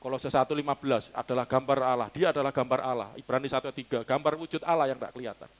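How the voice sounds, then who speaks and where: A man's voice: mid-range voice, steady tone, fast talker. A man preaching a sermon to his congregation, teaching casually, quizzing listeners and laughing now and then. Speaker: pastor. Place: church hall.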